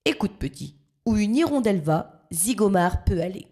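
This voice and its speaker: A woman's voice: mid-range voice, animated, normal speed, warm tone, faint music behind, lightly acted. A woman voicing a boastful, bossy male blackbird who talks about himself in the third person. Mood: confident. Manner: self-assured, bossy, easily offended.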